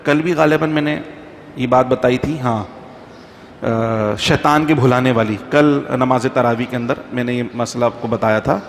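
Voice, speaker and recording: A man's voice: medium pitch, fairly even intonation. A man, a mufti, giving an informal religious talk to a congregation in a mosque, conversational and full of anecdotes. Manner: conversational, anecdotal, chants Quranic verses slowly. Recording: faint background noise, long reverb.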